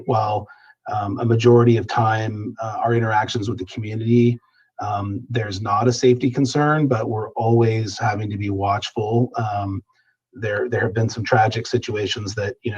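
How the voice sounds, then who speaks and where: A man serving as police chief answers questions at a public meeting in a measured way with many hesitations, heard over a video call. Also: fairly low pitch, a little mellow, husky, muffled recording.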